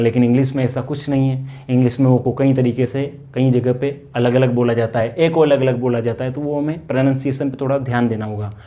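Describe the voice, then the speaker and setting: A man with an Indian accent and a medium-pitched, dark voice teaches a classroom-style English grammar lesson. He poses questions, answers them himself, and repeats key words.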